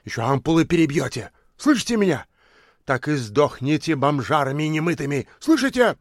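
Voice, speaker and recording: Male reader as a jovial talker, raised and loud, joking banter. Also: mid-range voice, sing-song, measured pace, no echo, clean studio sound. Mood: shouting. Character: chatty jovial man handing out cures.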